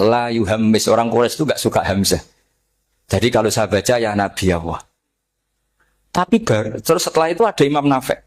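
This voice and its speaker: Brief: middle-aged preacher, mid-pitched voice, lecturing and drawing out Arabic recitations. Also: male voice. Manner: explains Quranic readings, chanting Arabic phrases slowly, mixing in Javanese asides. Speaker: Islamic preacher. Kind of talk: religious study lecture.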